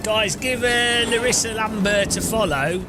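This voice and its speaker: Loud electronic music plays as this streamer drives in a sim racing game, chatting casually and teasing his audience with meandering jokes. He has a high voice and talks a little slowly.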